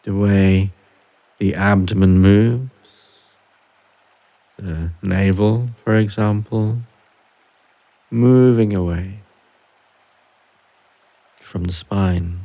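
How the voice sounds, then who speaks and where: A man guiding a relaxation and breathing meditation, speaking softly and unhurriedly with long pauses between phrases. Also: fairly low pitch. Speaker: meditation guide. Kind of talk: guided relaxation.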